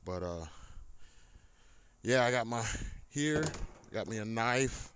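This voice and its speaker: Speaking slowly and expressively in a mid-range, fairly bright voice, this American man shows off his kayak fishing gear as a hobbyist. His walkthrough is informal, unscripted, and folksy. The tablet he holds drifts nearer and farther, leaving the noisy recording uneven in distance.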